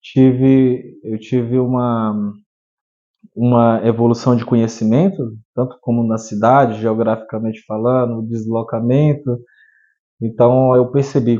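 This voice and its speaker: A man's voice: mid-range voice, warm tone, dull audio. A man in his thirties from Piauí in Brazil, telling his life story as an interview guest, hesitant and full of restarts. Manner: hesitant, many restarts and fillers. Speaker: guest, entrepreneur.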